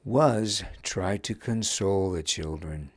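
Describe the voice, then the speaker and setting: Slow, expressive male storybook narrator. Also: deep voice, husky, no echo. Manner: slow, expressive storytelling voice shifting for each character. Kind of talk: children's storybook reading.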